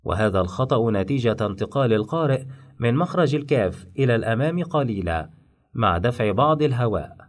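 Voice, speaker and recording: A man narrating a scripted pronunciation lesson in a measured, explanatory way, demonstrating sounds. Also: medium pitch, expressive. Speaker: phonetics teacher.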